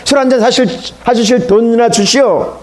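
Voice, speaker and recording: A man's voice: very high voice, moderate pace, darkish tone, echoey room, voice pushed up. A man preacher acting out a drunk, resentful man who was once lame, who complains and begs in a slurred way. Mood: drunken grumbling.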